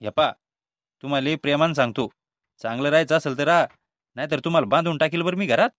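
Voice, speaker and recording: A man's voice: a little high, fast talker, fairly bright tone, dry recording, studio quality, lightly acted. A man voicing an exasperated, timid middle-aged father in a cartoon comedy, with a Vidarbha Marathi accent and a pleading tone.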